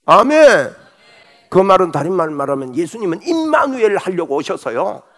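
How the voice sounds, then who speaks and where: A middle-aged male pastor preaching a Sunday morning sermon fervently, with sudden shouts. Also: high voice, big pitch swings, moderate pace.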